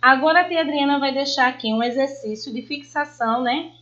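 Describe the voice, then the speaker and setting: A woman teacher giving an online lesson to children, affectionate, stretching out example words slowly. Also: sits high, a bit bright. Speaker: primary school teacher. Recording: dull lo-fi home recording.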